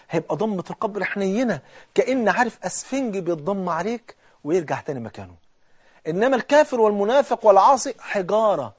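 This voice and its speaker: A man with an Egyptian accent preaching a colloquial sermon, animated, swinging between hushed and loud as he acts out dialogue. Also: sits high, slightly rough. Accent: Egyptian Arabic.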